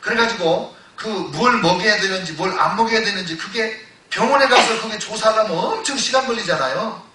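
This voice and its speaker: A male pastor preaching a sermon, telling stories that move between loud exclamations and hushed retelling. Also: sits high, fairly quick, noisy background. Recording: echoey church hall, voice from a distance.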